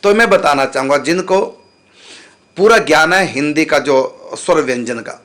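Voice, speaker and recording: A man giving a spiritual teaching talk, patiently explaining how sacred syllables are pronounced and repeating sounds slowly for his listeners. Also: fairly high pitch, lively intonation, fairly bright tone.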